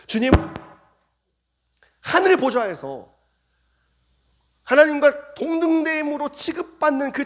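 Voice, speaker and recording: A male pastor preaching a revival sermon in a church, acting out dialogue in shifting voices. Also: a little high. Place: church sanctuary.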